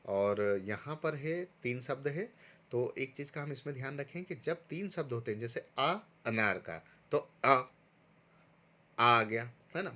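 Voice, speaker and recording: A man's voice: medium pitch, fairly bright tone. A man teaching a recorded online lesson to first graders, patiently going step by step and sounding out syllables for pupils to repeat. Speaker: primary school teacher.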